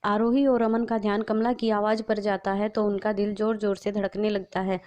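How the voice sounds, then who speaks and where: A woman telling a moral story in steady scripted narration. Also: mid-range voice, a little fast.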